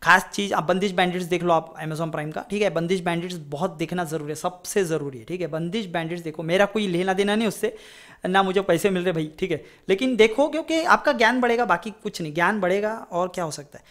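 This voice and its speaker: This music teacher's voice is high, with fairly even intonation and a fairly quick delivery. Giving a relaxed flute lesson, he chats and rambles, wanders off into advice, and keeps asking "ठीक है?" to make sure his students are following.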